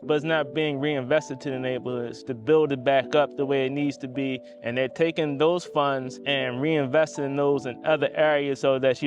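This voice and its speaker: A man co-hosting a podcast, explaining and summing up points in a steady, explanatory way. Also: medium pitch. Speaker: podcast co-host. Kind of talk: casual conversational discussion.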